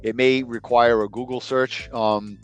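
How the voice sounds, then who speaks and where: A middle-aged man speaking as a guest expert on an online webinar, hesitant with many pauses and fillers. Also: mid-range voice, level tone, clear, resonant tone, faint music behind. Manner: hesitant, many ums, trailing off. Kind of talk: casual online webinar talk.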